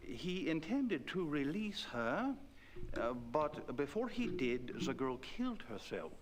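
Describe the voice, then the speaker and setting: A man voicing a solemn man in a point-and-click game who recounts a werewolf legend in a measured way. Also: fairly high pitch, big pitch swings, a little hiss or hum. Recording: game audio with music behind.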